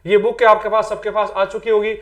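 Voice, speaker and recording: A man's voice: high voice, flat delivery, fast. A man teaching an exam-prep lesson in a chatty way, often tagging on "theek hai" and mixing in English words. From Rajasthan, India. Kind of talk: casual Hindi exam-prep lecture.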